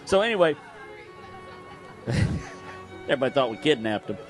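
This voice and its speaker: A man's voice: medium pitch, very animated, moderate pace, faint music behind. A man, hosting an outdoors radio show and telling a story live, laughing often and throwing in sound effects. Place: live event at a bar.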